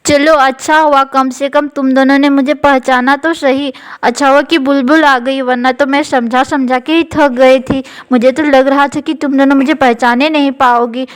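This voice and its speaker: A woman's voice: high voice, steady tone, normal speed, few pauses, lightly acted. A woman voicing a girl doll in new glasses, insistent and rueful.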